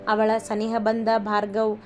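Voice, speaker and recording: A woman narrating a family love story at a steady, even reading pace. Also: mid-range voice, slow. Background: faint music.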